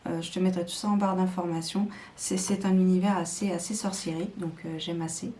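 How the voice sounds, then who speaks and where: A woman's voice: fairly low pitch, fairly even intonation, fairly quick, warm tone. A woman showing tarot decks to camera in a casual, hesitant chat full of fillers and restarts. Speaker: tarot video creator.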